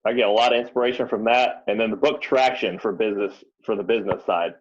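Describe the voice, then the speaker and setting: A man telling stories as a guest on a podcast, in a relaxed, easygoing way. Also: on the low side, fast, breathy edge. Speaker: podcast guest, real estate investor. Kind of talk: casual interview chat. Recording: dull lo-fi sound.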